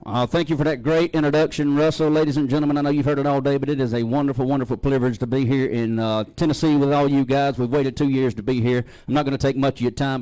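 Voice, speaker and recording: Fast-talking Southern US man. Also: medium pitch, dark tone, rough recording. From Georgia, United States. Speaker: auctioneer contestant. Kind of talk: thank-you speech at a live auction. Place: indoor livestock auction arena. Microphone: stand microphone, close to mouth.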